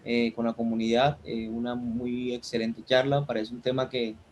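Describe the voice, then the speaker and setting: A man co-hosts a community livestream in a flat, even voice. He speaks hesitantly and leans on fillers, with a faint noise behind him. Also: mid-range voice, moderate pace, lo-fi sound. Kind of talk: livestream co-hosting, thanking the speaker.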